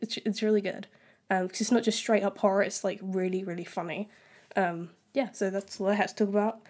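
A woman's voice: medium pitch, fairly even intonation, fairly quick, a little mellow. A young woman co-hosting a casual film chat, chatty and upbeat, with frequent fillers and giggles. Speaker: podcast co-host. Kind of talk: casual chat about films.

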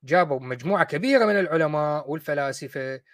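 A man hosting a talk show, talking casually and mocking his opponents with quick acted asides. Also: fairly high pitch, expressive, fairly bright tone, no echo, clean studio sound. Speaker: host of a call-in discussion show.

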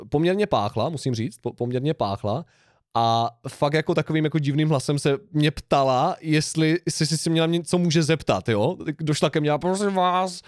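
A man's voice: on the high side, a little mellow, no echo, studio quality. A young man co-hosting a podcast, telling a rambling, laughing anecdote in casual chat. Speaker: podcast co-host.

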